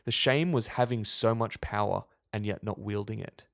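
On a faith discussion podcast, a male co-host with a fairly low, gravelly, slightly bright voice lays out his points earnestly and preachily at a moderate pace. The recording is dry and close.

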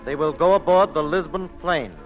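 A man's voice: on the high side, normal speed, soft background music, lightly acted. A man playing an urbane, cynical police captain with a theatrical, sardonic manner, in 1940s radio drama style. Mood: official urgency. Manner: theatrical, sardonic, smooth-talking.

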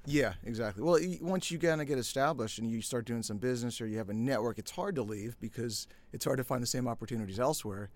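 A middle-aged man from the United States, a podcast guest who tells his story in a relaxed, self-deprecating way. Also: mid-range voice, quick pace, hardly any pauses. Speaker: podcast guest, sumo federation founder. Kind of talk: casual interview talk.

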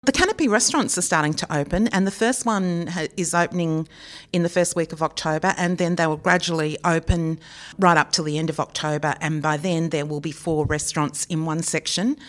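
A woman's voice: deep voice, a little fast. A woman, co-hosting a local news podcast in a chatty, upbeat way. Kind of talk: casual chat.

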